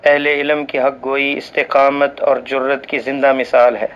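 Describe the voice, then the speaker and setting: A man reading a written religious ruling aloud in a formal, measured way, reciting Arabic scripture and now and then slipping and restarting a word. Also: mid-range voice, little pitch movement, clear, resonant tone, lo-fi sound. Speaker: voice-over reader for a religious channel.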